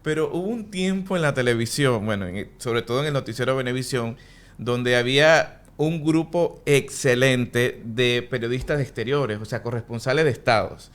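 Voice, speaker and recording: A man's voice: mid-range voice, moderate pace. A man hosting a casual interview, chatty and often laughing as he talks. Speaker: host.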